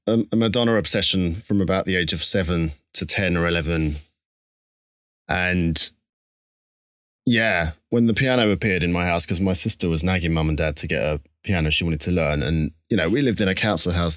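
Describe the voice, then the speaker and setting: This man's voice sits low, brisk and fairly bright, with no room sound behind it. He's an Essex-born musician with the accent to match, appearing as a guest in a relaxed interview. He comes across as candid, reflective, self-deprecating and conversational.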